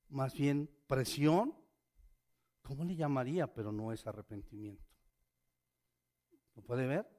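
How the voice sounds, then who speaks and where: Spanish-language preacher asking probing questions. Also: male voice, medium pitch, warm tone. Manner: asks the listeners questions, reads scripture with rising force. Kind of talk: sermon.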